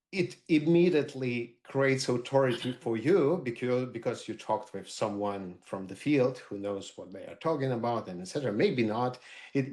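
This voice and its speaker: A middle-aged man, speaking as a marketer on a group video call, halting with many fillers and restarts. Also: mid-range voice, darkish tone. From Lithuania. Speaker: roundtable participant, marketer.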